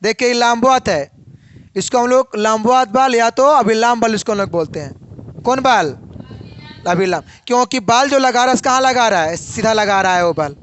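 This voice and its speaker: A man's voice: very high voice, moderate pace, fairly bright tone, slight background noise. A young man teaching a physics class, asking questions and then answering them himself.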